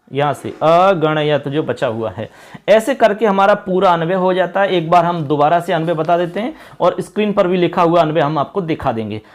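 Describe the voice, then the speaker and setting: A man teaching a Sanskrit lesson in a casual, friendly way, repeating himself often and slowing down to spell out each word. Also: high voice. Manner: friendly and repetitive, slows to spell out words. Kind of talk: casual Hindi video lesson.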